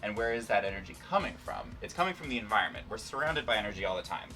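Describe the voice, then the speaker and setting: A man's voice: on the low side, lively intonation, very fast, pushed and bright, distant mic, faint music behind. A man hosting a casual science demonstration, explaining things informally and playfully. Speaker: host, scientist.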